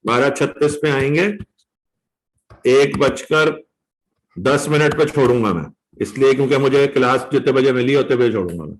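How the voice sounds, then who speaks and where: A man with a Pakistani accent teaching an online law revision class, drawing out the legal phrases slowly and coaxing his students along. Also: medium pitch, poor audio. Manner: mixes Hindi-Urdu with English legal terms, coaxing students; slow and drawn out when reading points aloud. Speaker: law lecturer.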